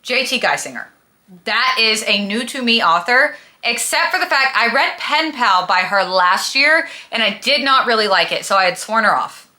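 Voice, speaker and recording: Speaking at a moderate pace, a woman with a highish, animated voice reviews books on her vlog with a bright, forceful tone. Her style is casual and chatty, dramatic and slangy, and she gushes with heavy emphasis.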